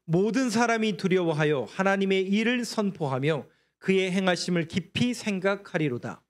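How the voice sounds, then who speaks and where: A pastor with a high voice preaches in a church sanctuary. He quizzes the congregation and answers his own questions. He slips into pleading tones when he acts out prayers. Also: animated, moderate pace. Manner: asks the congregation questions and answers them himself; leads responsive scripture reading. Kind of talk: sermon.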